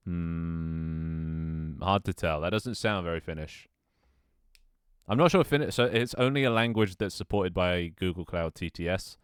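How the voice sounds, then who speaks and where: In a dry, studio-quality recording, a young man with a low-pitched, clear, resonant voice takes his time. He's live-streaming a game, chatting casually with viewers and talking to himself during setup, rambling with many restarts and bursts of laughter.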